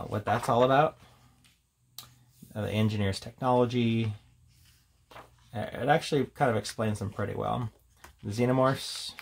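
A lowish male voice with vocal fry comes through over slight background noise. He's a reviewer doing informal show-and-tell, casually describing the books laid out before him.

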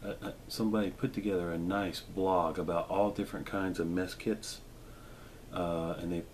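On camera audio, a middle-aged gear reviewer with a fairly low voice gives a casual show-and-tell, first indoors at a table and then in a backyard. He's relaxed and chatty, often filling gaps with "uh" and "um," while clear outdoor noise runs underneath.

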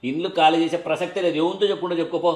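A man playing a cocky male tenant in a comedy sketch, loud and mocking as he refuses to leave. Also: on the high side, fairly even intonation, racing, reverberant, lightly acted. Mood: defiant.

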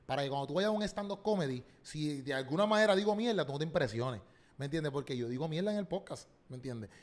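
Fast-talking Puerto Rican man, animated storyteller. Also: on the high side. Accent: Puerto Rican Spanish. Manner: animated, slangy storytelling, acts out quotes. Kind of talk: casual podcast chat.

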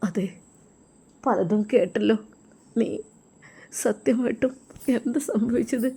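Woman doing a hushed, tearful old father. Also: slow, creaky, slightly rough, heavily acted. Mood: accusing. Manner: low, hushed, choked delivery.

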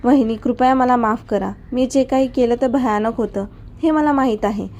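A broken old man in a wheelchair begs forgiveness in a slow, pleading voice, as a woman reading the story puts him on. The voice sits fairly high and sounds mellow. It is part of a storybook narration. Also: muffled recording, close to an everyday voice. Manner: pleading, apologetic.

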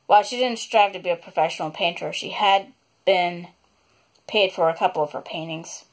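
A woman reads a chapter of her own novel in a plain, unpolished way. She pauses now and then to apologize for stumbles and to add small asides. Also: fairly low pitch. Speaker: author reading her novel.

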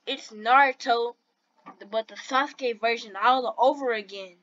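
Woman doing casual reaction commentary, kinda high voice, muffled mic with some noise. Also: measured pace, a bit bright. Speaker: host of a reaction video. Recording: dull lo-fi audio with background noise.

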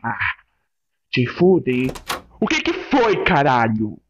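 A man voicing a flustered, short-tempered young man in an amateur voice drama, swearing loudly one moment and turning polite the next. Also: medium pitch, huge pitch swings, takes it slowly, muffled recording, slight background noise. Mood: irritated.

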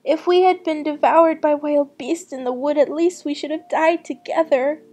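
Woman playing earnest, high-voiced little storybook girl Gretel. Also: expressive, moderate pace, a little mellow. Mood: tearful pleading. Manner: earnest, plaintive.

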